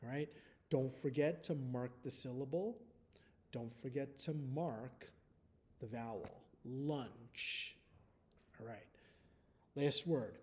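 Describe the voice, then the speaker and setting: A man teaching first graders, dictating a spelling test slowly and deliberately, repeating each word and sound and spelling letters out. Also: medium pitch, a little mellow.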